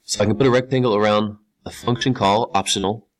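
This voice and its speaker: A man's voice: fairly low pitch, steady tone, quick pace. A male teacher talking casually through each step of a screen-recorded tutorial, repeating key words for emphasis. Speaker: computer science teacher.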